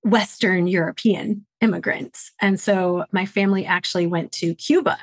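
Speaking at a moderate pace with medium pitch and fairly even intonation, a podcast guest answers interview questions conversationally, reflecting earnestly on her upbringing and her work. She is a middle-aged woman from Detroit, Michigan, USA, and the recording has no room sound.

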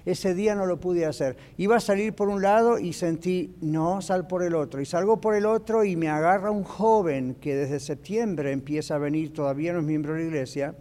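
Animated preacher man in an echoey hall. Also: fairly high pitch, fairly quick, few pauses. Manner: animated, switches into English phrases. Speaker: pastor. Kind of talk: teaching sermon. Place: church.

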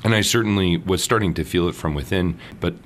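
Man, priest guest, very low voice, animated anecdotal delivery, faint background noise. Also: fast. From Minnesota, United States. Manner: lively, acts out quoted voices with laughs. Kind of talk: casual storytelling interview.

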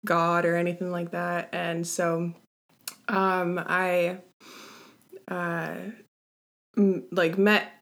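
Young female podcast guest, slightly low voice, casual giggly storyteller, mouth a bit muffled from dental work. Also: monotone, very slow, pauses often, fairly bright tone. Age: young adult. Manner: giggly, filler-heavy. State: mouth slightly muffled after wisdom tooth removal.

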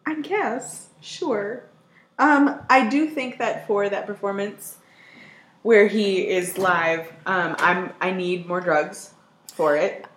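A woman co-hosting a podcast in casual chat, expressive with dramatic reactions. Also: medium pitch, slow, echoey room, a little hiss or hum. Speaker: podcast co-host.

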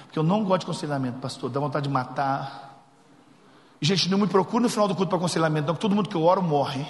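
A man's voice: fairly high pitch, racing, a little hiss or hum. A man preaching a sermon, telling a funny story and acting out the dialogue. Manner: jokey, animated, acts out dialogue. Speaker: pastor. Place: church sanctuary. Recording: reverberant church hall.

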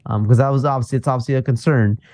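A man's voice: medium pitch, fairly even intonation, racing, a little mellow, no room sound, studio quality. A man hosting a casual podcast chat, rambling through a story with lots of fillers. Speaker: podcast host.

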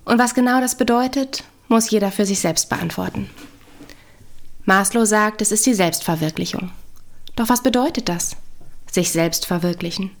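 A woman who is a couples therapist, hosting her podcast in calm, reflective scripted narration with gentle humor. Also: medium pitch, normal speed.

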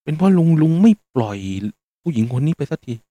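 An old taxi driver grumbles on and on about how unfairly he has been treated, as a man acts him out. The voice sits higher than the storyteller's own and keeps a dark, mellow tone. It is dry, with little room around it. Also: normal speed, dry recording, natural voice. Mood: emphatic. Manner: complaining, self-pitying rambling. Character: aggrieved older male taxi driver in his sixties.

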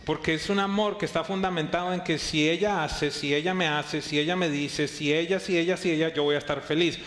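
A man preaching a live sermon as pastor to a congregation, lively, playfully acting out his listeners' voices and joking with them. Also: a little high, brisk. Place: church hall before a congregation. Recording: echoey hall with faint background noise.

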